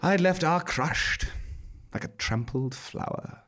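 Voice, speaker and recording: This monologue performer, on a small theatre stage before a live audience, tells a scripted story in the first person with arch, dry, dramatic flair. His voice is on the high side and a bit bright, and he takes his time.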